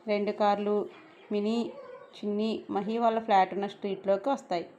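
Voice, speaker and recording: A woman's voice: medium pitch, level tone, moderate pace, mellow. A woman narrating a scripted romance story and voicing every character herself.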